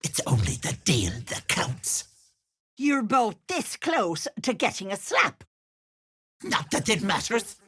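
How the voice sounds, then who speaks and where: An evil old hag auntie for a fantasy game, slow n wheedling, really raspy, fake sweet then nasty. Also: female voice, mid-range voice, huge pitch swings, full character voice. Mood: angry, threatening. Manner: sly, wheedling, sharp-tongued, mock-affectionate endearments. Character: wicked old hag posing as kindly auntie. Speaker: video game character. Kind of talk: game voice acting, theatrical.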